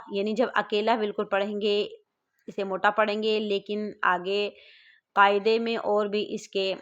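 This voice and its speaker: A woman teaching Quran reading online, explaining letters plainly and drawing out each sound slowly as she recites it. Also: mid-range voice, highs cut off.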